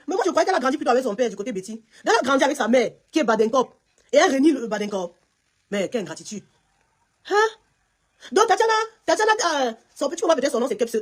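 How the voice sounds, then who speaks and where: A Cameroonian woman from the West region hosts a casual live stream, speaking with a Cameroonian French accent. Her husky, slightly high voice rattles along very fast. She talks emphatically and addresses viewers directly by name.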